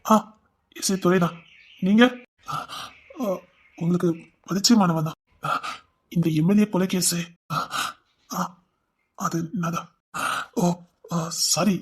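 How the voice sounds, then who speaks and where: High-voiced male storyteller. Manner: wondering, questioning, then conversational dialogue. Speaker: storyteller voicing all parts. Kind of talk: dramatic audio story telling.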